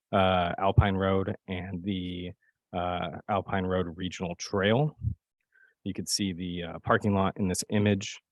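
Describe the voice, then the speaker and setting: Raspy man with a cold giving a staff presentation, low voice, dry mic sound. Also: dry recording. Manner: steady, measured delivery with occasional fillers. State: hoarse from a cold. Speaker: capital project manager presenting to a board.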